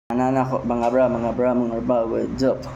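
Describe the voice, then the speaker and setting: A motovlogger host with a Cebuano Filipino accent chats casually in an unboxing and product feedback vlog, thinking aloud in short, informal fragments with tag questions. His mid-range voice is monotone and gravelly at normal speed. The lo-fi recording sits over loud music.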